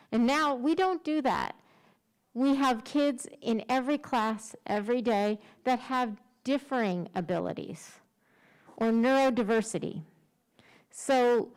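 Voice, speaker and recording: A middle-aged woman presents to a conference in an informal, conversational way. Her voice is fairly high and smooth, slightly muffled by the face mask she speaks through. She is a director at ease with self-deprecating asides. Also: a little mellow. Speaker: special education director presenting.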